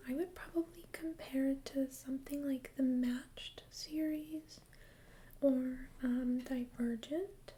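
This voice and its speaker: A woman in a whispered role-play as a friendly, chatty librarian, speaking in a soft, breathy library whisper with a gentle, hesitant conversational manner. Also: high voice, steady tone, takes it slowly. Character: friendly, chatty female librarian recommending books. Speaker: ASMR role-player as librarian.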